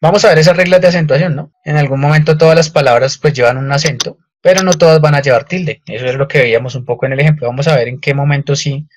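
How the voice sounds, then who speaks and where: A man's voice: on the high side, fast, hardly any pauses, a little hiss or hum. A man with a Colombian accent teaching a grammar lesson, explaining patiently and often repeating words with fillers. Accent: Colombian Spanish. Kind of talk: online lecture with slides.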